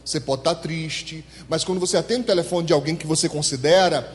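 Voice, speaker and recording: Animated pastor preaching in an echoey hall. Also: male voice, a little high, a little fast. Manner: animated, asks the congregation to respond. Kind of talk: sermon. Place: church hall.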